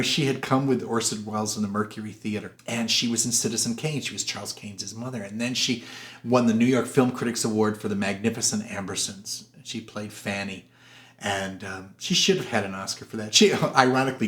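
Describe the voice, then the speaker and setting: Animated, gossipy man in a roomy space. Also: on the low side, a little fast. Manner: animated and gossipy, puts on voices for quotes. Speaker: host and film reviewer. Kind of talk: casual film commentary. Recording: roomy echoey room.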